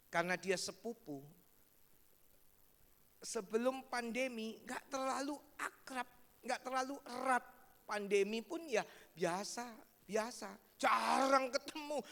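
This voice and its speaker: Man, pastor, sermon, high voice, slow delivery, echoing church hall. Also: vocal fry. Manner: animated preaching with acted family voices. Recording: long church hall reverb.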